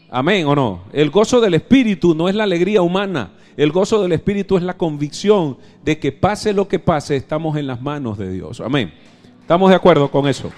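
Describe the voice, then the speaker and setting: A man with a Venezuelan accent preaching a live church sermon, emphatic, firing questions at the congregation and swinging from loud exclamations to soft low asides. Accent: Venezuelan Spanish. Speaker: pastor. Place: church service.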